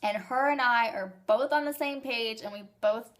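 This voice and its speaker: A young woman talking casually to her viewers in a rambling, excited and emotional way, with hiccups. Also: a little high, normal speed. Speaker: vlogger sharing fertility journey. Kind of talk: casual vlog.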